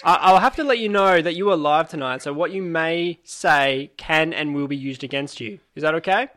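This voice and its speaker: Casting: young male host, fairly high voice, blokey and jokey, casual banter. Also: normal speed, fairly bright tone. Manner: blokey, sweary, joking. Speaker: show host. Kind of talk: casual banter on a beer-tasting show.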